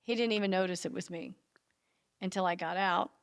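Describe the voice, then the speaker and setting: A woman's voice: lowish voice, fairly quick, smooth, dry recording, studio quality. A woman hosting a podcast interview, telling personal stories in a heartfelt, emotional way. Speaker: podcast host.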